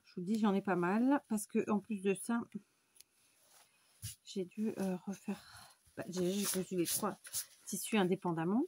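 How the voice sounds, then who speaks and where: Chatty woman with a mellow voice. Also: medium pitch, steady tone, a little slow, pauses often, slightly rough. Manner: chatty, thinks aloud with frequent fillers and "voilà". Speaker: crafting tutorial host. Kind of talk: casual step-by-step crafting tutorial.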